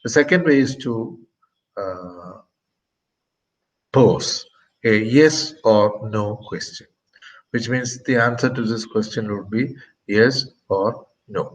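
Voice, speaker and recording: A man giving a university lecture, explaining slowly with many pauses and repeated "okay", and rising sharply in pitch to act out questions. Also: expressive, low-quality recording. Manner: acts out question intonation with sharp rises in pitch. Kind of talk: classroom lecture.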